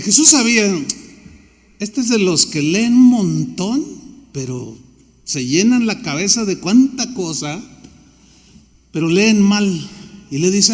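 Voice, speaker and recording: A male pastor delivers a conversational sermon in a notably high voice, slipping into little acted dialogues. The sound carries the long reverb of a large church hall. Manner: conversational preaching, acts out dialogue.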